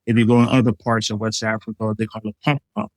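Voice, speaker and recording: Speaking fast with a level tone and a fairly low voice, this middle-aged man from Liberia is a chef being interviewed as a guest. He describes his food in an easygoing way, leaning on examples and frequent fillers. There is no echo.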